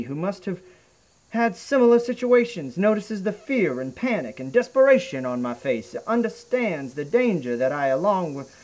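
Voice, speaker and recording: A man's voice: sits high, a little mellow, rough recording. A man with a Southern US accent reads a humorous story aloud in a theatrical, earnest storytelling manner. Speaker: reader of humorous reviews. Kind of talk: comic dramatic story reading.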